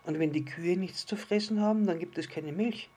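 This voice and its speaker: A man voicing a patient, kindly island fish who calmly explains things in a storybook reading. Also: high-pitched, normal speed, husky, voice pushed up. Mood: explaining. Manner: calm, explaining, gently teasing.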